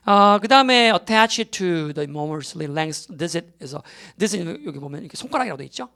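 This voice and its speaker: A man's voice: high-pitched, gravelly, pushed and bright. A man giving a recorded exam-prep English lecture. He explains step by step, keeps checking that students follow, and drops English terms into his Korean.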